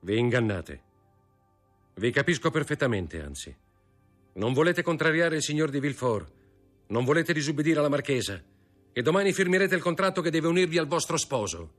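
A man voicing a proud young man in an audiobook reading, grave, measured and bitter. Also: a little high, sing-song, faint music behind, voice pushed up. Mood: cold.

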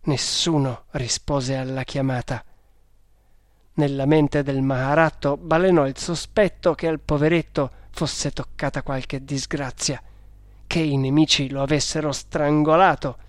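A man reading an adventure novel aloud as narrator, slowly and in a measured way. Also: mid-range voice, no echo, clean studio sound. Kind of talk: audiobook reading.

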